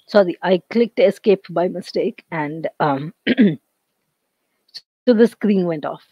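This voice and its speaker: An Indian English woman gives an online lecture, explaining step by step. Her voice is hoarse and she keeps clearing her throat. The computer-mic audio is dry and a little dull. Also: lowish voice, slow, no echo. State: losing her voice.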